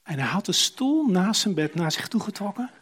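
Male preacher, husky and fairly high, tells a story in a sermon and voices its people. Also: very animated, moderate pace, a bit bright. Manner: retells a story, acting out the quoted speakers.

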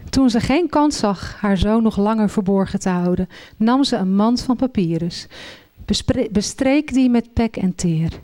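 A middle-aged woman preaching a sermon, telling Bible stories with lively voices for the figures. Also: medium pitch. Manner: animated storytelling, acts out voices in the reading.

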